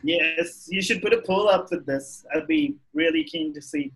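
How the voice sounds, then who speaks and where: A man's voice: fairly high pitch, animated, moderate pace, fairly bright tone, slightly rough, rough recording. A man with an Indian English accent chatting casually and giving opinions as a podcast guest, often repeating and restarting his phrases.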